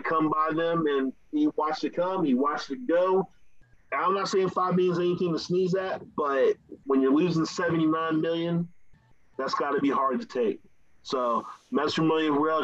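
A man's voice: on the high side, a bit bright, no echo. A man hosting casual sports talk in an easygoing, chatty way. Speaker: show host. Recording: dull lo-fi recording.

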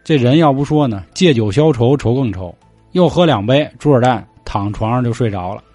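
A man's voice: medium pitch, expressive, normal speed, darkish tone, no room sound, soft background music. A man telling a myth in a chatty, slangy way, with casual swearing. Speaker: storyteller.

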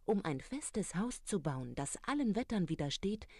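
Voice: medium pitch, sing-song, moderate pace, darkish tone, no room sound, studio quality, pitched above the performer's own voice. A storyteller voicing the sensible, hard-working third little pig, who speaks in an earnest, warning way. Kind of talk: storybook reading.

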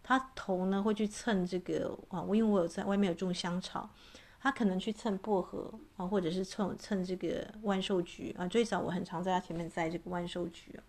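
A woman's voice: on the low side, steady tone, a little fast, darkish tone. A woman, a voice coach talking casually to her audience, chatty and full of filler particles. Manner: chatty, many filler particles, imitates cat meows. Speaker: voice and astrology coach.

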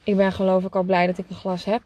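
A woman voicing a curious, gentle young boy in a storybook who asks many questions. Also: medium pitch, flat delivery, fast talker, muffled recording, close to an everyday voice.

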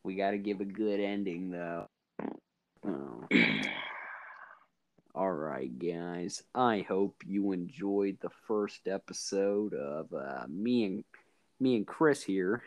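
A man's voice: low-pitched, animated, slow pace, dry recording, poor audio. A man co-hosting a casual podcast, laid-back and joking as he chats. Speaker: podcast co-host.

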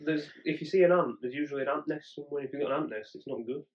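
A man co-hosting a casual podcast chat. He tells animated stories, laughs often and acts out the people in them. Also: fairly high pitch, rapid-fire. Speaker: podcast co-host. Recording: lo-fi muffled podcast audio.

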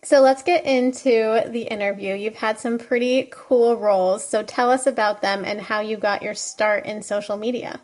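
A woman's voice: on the high side, steady tone, normal speed, few pauses, a little mellow. A woman co-hosting a podcast, chatting casually and upbeat, with frequent "like" fillers. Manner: chatty, upbeat, uses "like" often. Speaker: podcast co-host.

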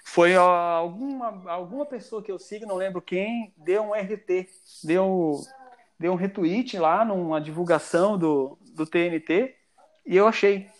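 Chatty high-voiced Brazilian man. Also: a little slow. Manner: chatty, rambling with frequent restarts. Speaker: podcast guest. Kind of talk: casual chat.

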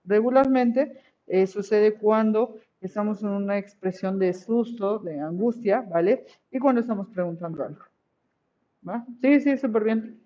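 A woman's voice: mid-range voice, a little slow, mellow, muffled recording. A woman teaching an online class, encouraging her pupils and checking in with them often.

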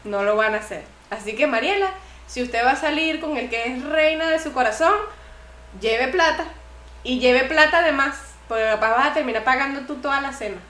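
Young woman, podcast co-host, animated chatty delivery, somewhat high voice, echoey room. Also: fairly quick, a little hiss or hum. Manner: animated, acts out quotes, laughs often. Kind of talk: casual chat.

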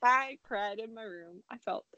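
A woman's voice: fairly high pitch, unhurried, no echo. Lo-fi young woman podcast co-host. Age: 20s. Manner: animated storyteller who acts out her own past remarks. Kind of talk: casual podcast chat. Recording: dull lo-fi internet call audio.

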